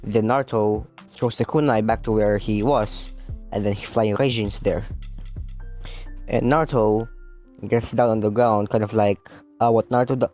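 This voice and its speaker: A man's voice: medium pitch, darkish tone. A young man casually retelling a fan story, rambling with lots of fillers and self-corrections.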